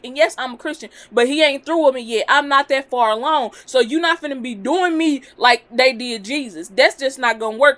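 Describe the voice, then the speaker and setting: A woman's voice: high voice, a bit bright. A woman in her twenties giving a blunt, sassy casual review of a reality show, full of slang. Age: 20s.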